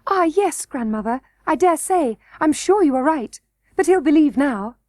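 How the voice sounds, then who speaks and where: A woman reads the part of a little princess in a high, bright voice, earnest and tearful, pleading eagerly with her voice lifted. The delivery is expressive and moderately paced. The sound is close and dry, with no echo at all.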